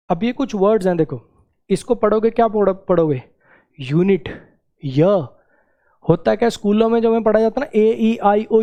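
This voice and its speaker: A man's voice: sits high, warm tone. A man teaching English grammar in a classroom-style lesson, repeating key words and checking that students follow.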